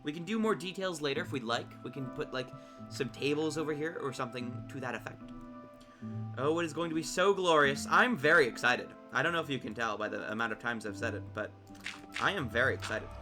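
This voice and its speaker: A man giving casual, excitable gameplay commentary, rambling to his viewers while he builds, his voice cracking from overuse. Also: mid-range voice, fast talker, over music. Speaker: gaming video creator.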